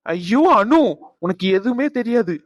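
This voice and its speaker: A woman's voice: medium pitch, measured pace, dry recording, highs cut off, lightly acted. A woman voicing a heated, exasperated young man in a cartoon family drama. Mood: angry. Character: angry young man distrusting his brother-in-law.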